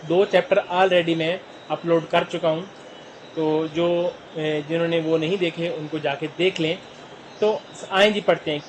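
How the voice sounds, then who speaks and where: A man with a Pakistani Urdu accent teaching Korean vocabulary, sounding out each word slowly syllable by syllable. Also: sits high, a little hiss or hum, rough recording. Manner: spells words out slowly syllable by syllable. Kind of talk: vocabulary lesson.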